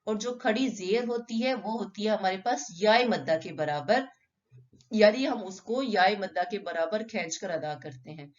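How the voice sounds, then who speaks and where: A woman's voice: mid-range voice, expressive, normal speed, dull audio. A woman teaching Quran recitation step by step, asking and answering her own questions and drawing out sample syllables.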